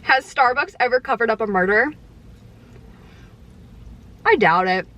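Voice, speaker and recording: A young woman with a slightly high voice talks candidly to her viewers, leaning on "like" as she goes. She is eating while she answers, now and then with her mouth full. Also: expressive, measured pace, pushed and bright. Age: young adult. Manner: chatty and candid, heavy use of "like". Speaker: vlogger answering viewer questions. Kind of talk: casual chat.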